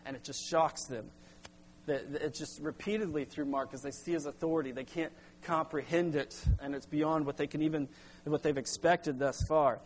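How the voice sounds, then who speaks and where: A middle-aged man preaching a sermon as pastor, halting with restarts, then pressing into emphatic bursts. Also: fairly high pitch, fairly even intonation, a little hiss or hum. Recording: long hall reverb.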